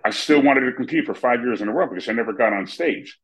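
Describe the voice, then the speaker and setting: A man in his fifties hosting an interview, plain-spoken and relaxed, with short affirmations. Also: medium pitch, fast, poor audio. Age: 50s. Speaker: interviewer, host. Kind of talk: casual interview talk.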